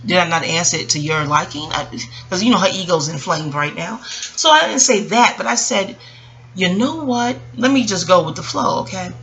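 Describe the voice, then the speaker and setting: A woman in her early forties who vlogs narrates a personal story at a moderate pace in a fairly low voice. Her telling is casual, reflective and rambling, full of digressions and animated, acted-out quotes.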